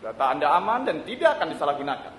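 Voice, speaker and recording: Male actor as a jovial bureaucrat in a stage play; high, animated voice, roomy live theatre recording. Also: rapid-fire, a little hiss or hum. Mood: breezy. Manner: breezy, laughing, reassuring official tone. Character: cheerful male city official, smooth and bureaucratic.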